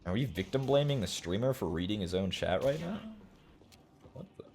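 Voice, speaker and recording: Rambling streamer man, low voice. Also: animated, moderate pace, darkish tone. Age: late 20s. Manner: rambling, joking, reads chat aloud. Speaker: game streamer. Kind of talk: casual stream chat while gaming.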